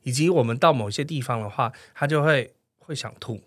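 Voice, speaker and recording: A woman's voice: extremely low pitch, a little fast. A woman chiming in on a casual podcast chat and teasing her friend. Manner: chimes in and teases her friend.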